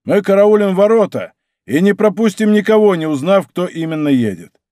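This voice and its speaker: A man voicing a gruff, stubborn male chief of the gate watch who talks bluntly and threatens. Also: sits high, expressive, normal speed, mellow, no room sound, studio quality, voice pushed up. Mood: threatening.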